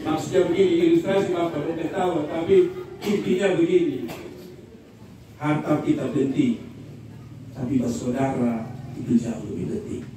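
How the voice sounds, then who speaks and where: A male pastor, telling jokes in a lively sermon and asking the congregation for amens. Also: fairly high pitch, normal speed, long pauses. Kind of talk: humorous Christmas sermon. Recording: echoey hall from far off, noisy.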